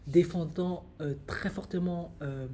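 A woman's voice: lowish voice, a little slow, mellow, slight background noise. A middle-aged woman coach giving her opinion to camera in a small room, with many hesitations and firm emphasis. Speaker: psycho-emotional coach and vlogger.

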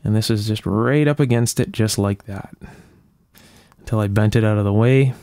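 Seated at the bench of his indoor electronics workshop, this male restorer and video host narrates a repair in a relaxed, careful, step-by-step way. His voice sits on the low side and sounds mellow, moving at a normal speed, captured dry with clean studio sound.

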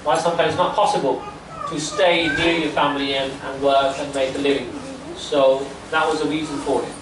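High-pitched male teacher, distant and echoey. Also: flat delivery, a little fast. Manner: explanatory, checks in often with "right?" and "okay?". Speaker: children's religious camp teacher. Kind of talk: storytelling lesson to children. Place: small indoor classroom full of seated children. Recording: distant, echoey room, faint background noise.

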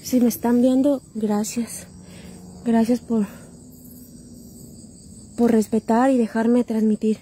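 A woman's voice: a little high, flat delivery, slow, pauses often, warm tone, slight background noise. A woman with a Mexican accent livestreaming a ghost hunt outdoors at a cemetery on her phone, exclaiming and repeating words to her viewers. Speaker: paranormal livestreamer. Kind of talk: live-streamed ghost hunt.

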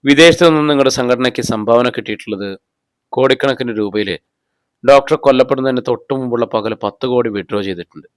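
A man's voice: medium pitch, fast talker, clear, resonant tone, no room sound, close to an everyday voice. A man reading the lines of a persistent police officer interrogating a suspect with pointed questions. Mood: pressing. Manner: probing, pressing questions.

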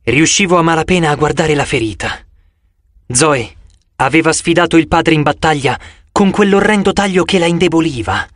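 A man narrating an audiobook in the first person with a dramatic, expressive reading. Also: a little high, moderate pace, no echo, studio quality.

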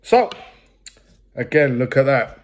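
A man's voice: medium pitch, big pitch swings, takes it slowly. A man in his forties doing a casual product review at home, chatty and full of ums and restarts. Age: 40s. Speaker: food reviewer.

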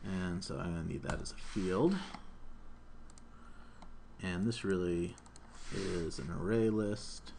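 This thirties-aged programming instructor has a low, darkish voice with vocal fry, speaking slowly and pausing often. He narrates each step of an informal live coding tutorial while thinking aloud, recorded on a noisy room mic that catches typing and ambient noise.

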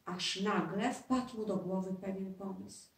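A woman storyteller reading a children's story aloud in a steady, clear manner, recorded in a roomy space from a distance. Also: mid-range voice, measured pace.

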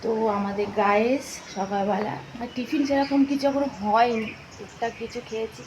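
A young woman chatting directly to viewers in a casual home vlog, now and then scolding the kids loudly. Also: on the high side, normal speed, noisy background. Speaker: family vlogger. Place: family home and kitchen.

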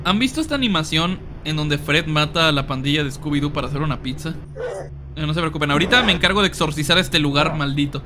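A young man with a Mexican accent doing casual, joking let's-play commentary, excitable and swearing freely as he yells at the game. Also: on the high side, fast talker, noisy background. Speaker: gaming streamer.

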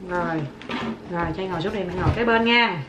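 A mother casually and playfully coaxes her toddler, often repeating herself. Her voice is lowish and fast, and the recording is very noisy.

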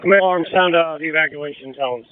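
A man gives terse, commanding orders as an urgent firefighter on the radio. His voice is on the high side and quick, squeezed through a narrow, muffled radio channel. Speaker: fire incident commander. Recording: muffled band-limited fireground radio.

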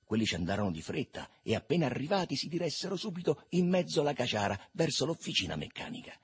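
A man reading a literary novel aloud in a lively, expressive way. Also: medium pitch, fast talker, slight background noise. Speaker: reader.

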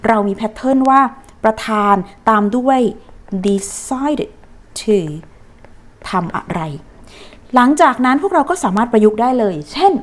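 A woman teaching an English lesson in Thai, counting her students in and drawing out English sentences slowly for them to repeat. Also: a little high. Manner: stretches out English phrases slowly for practice.

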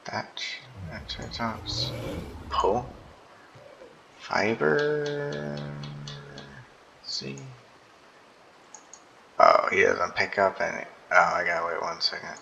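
A man's voice: fairly low pitch, expressive, drawn-out words, vocal fry, long pauses, bright, forceful tone, highs cut off, slight background noise. A man giving casual, rambling gameplay commentary, tired and yawning, with many ums. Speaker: gaming YouTuber.

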